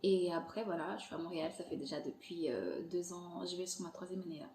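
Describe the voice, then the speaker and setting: A Portuguese-speaking woman from Angola in her thirties, a content creator, joins a podcast in Montreal for a casual interview chat. She talks fast in a lowish voice, animated and lively, laughing often and using many fillers. The echoey, reverberant room adds a little hiss or hum.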